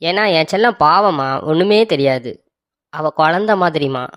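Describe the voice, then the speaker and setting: A woman voicing a soft-hearted young husband who sweet-talks his wife in a cartoon comedy. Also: deep voice, expressive, moderate pace. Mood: doting. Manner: sweet-talking, pleading, calls his wife "darling".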